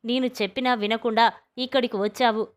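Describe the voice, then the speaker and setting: A woman's voice: fairly high pitch, steady tone, quick pace, clear, resonant tone, close to an everyday voice. A woman reading as an angry young man. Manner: heated, reproachful. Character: angry young man defending his mother.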